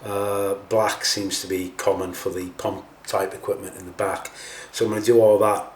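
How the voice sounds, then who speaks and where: A man's voice: on the low side, little pitch movement, moderate pace. A man giving a casual hands-on tutorial as host, informal and a little hesitant as he thinks aloud. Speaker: host of a scale model painting tutorial. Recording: roomy, distant mic, faint noise.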